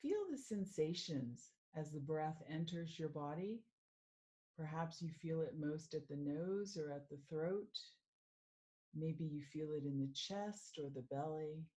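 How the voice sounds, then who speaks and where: A woman working as a mindful living coach, leading a guided meditation in a calm, soothing way. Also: low-pitched. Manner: slow, calm, soothing guidance.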